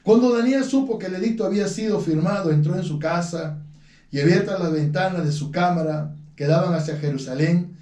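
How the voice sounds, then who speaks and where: A man delivers a sermon, reading scripture and then explaining it to the congregation. His voice sits a little high, with a mellow tone. It is picked up from a distance in a roomy, echoing church hall. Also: fairly quick. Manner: reads scripture aloud then explains it, with frequent tag questions. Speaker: preacher. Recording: roomy, echoey sound from a distant mic.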